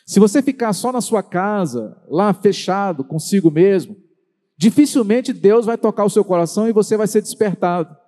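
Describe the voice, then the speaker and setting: With a high, dark voice and an expressive delivery, a pastor from Brazil preaches to his congregation, stretching out important words and asking them pointed questions. A handheld or stand mic picks him up, and the long reverb of a big church hall rings around every line.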